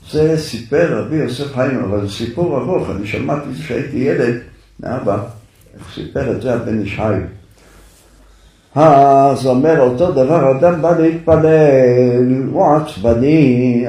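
A man preacher tells a story in a sermon, speaking conversationally and turning to his listeners. His voice is gravelly and of middle pitch. It rings in an echoey room, picked up from a distance. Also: warm tone. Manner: conversational, addresses listeners directly. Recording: echoey room, far from the mic.

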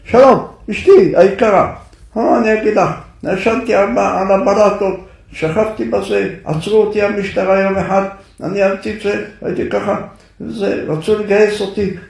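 A man voicing a hurried man in the street who reads a letter aloud in a loud, shouting voice. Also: sits high, animated, creaky, pitched above the performer's own voice. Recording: echoey room, far from the mic.

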